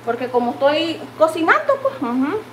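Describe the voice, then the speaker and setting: A woman's voice: sits high, very animated, normal speed. A woman with a Guatemalan Spanish accent chatting homily to viewers as she cooks in her home kitchen, constantly saying "look" and calling them sweetheart. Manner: homey and chatty, constantly says "mire" and calls viewers "mamayita". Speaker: cooking vlogger. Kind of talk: chatty home cooking vlog. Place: home kitchen while cooking. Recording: echoey kitchen with noise. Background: frying and sizzling pan.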